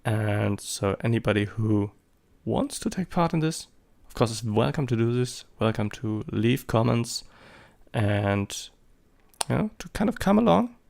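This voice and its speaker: Mid-range, creaky and a little mellow, his voice carries a German accent into English. This native German speaker in his thirties is a photography vlogger, chatting in a rambling, casual way with frequent hesitations and fillers.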